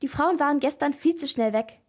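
Woman reading a stern older policeman, formal, firm, high voice, children's story. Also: brisk, natural voice. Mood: explaining.

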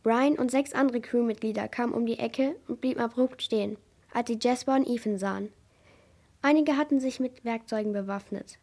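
Woman narrating a thriller audiobook. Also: a little high. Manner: steady, measured storytelling.

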